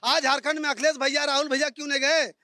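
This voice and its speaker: A man's voice: very high voice, flat delivery, quick pace, sharp tone, no room sound, clean studio sound. A man in a heated TV panel debate, firing rhetorical questions in a combative way.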